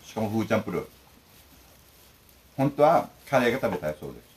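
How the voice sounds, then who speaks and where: Middle-aged man, bento shop manager, talkative, pitch jumping around a lot, faint ambience behind. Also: quick pace, noisy background. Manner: talkative, lively storytelling. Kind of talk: casual chat.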